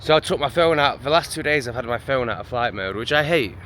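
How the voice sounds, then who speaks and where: A man's voice: mid-range voice, expressive, fast talker, a bit bright, slight background noise. Exasperated sweary Englishman ranting. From England. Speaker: vlogger. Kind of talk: casual rant to camera. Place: home in a town, street sounds outside.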